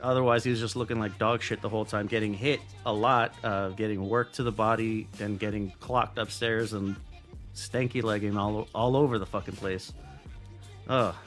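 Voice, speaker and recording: A man's voice: fairly low pitch, fairly even intonation, moderate pace, fairly bright tone, faint music behind. A man co-hosting a boxing podcast in loose, profane casual chat, laughing often. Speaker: podcast co-host.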